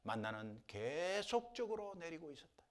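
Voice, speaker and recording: A middle-aged male pastor delivers a sermon in a church sanctuary, telling stories with animated energy and chuckling along the way. His voice sits a little high and swings widely between hushed asides and loud, excited stretches. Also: moderate pace. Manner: animated storytelling with dialect impressions and laughter.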